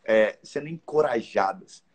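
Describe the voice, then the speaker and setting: Husky pastor, reflective. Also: male voice, lowish voice, unhurried. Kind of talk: casual conversation.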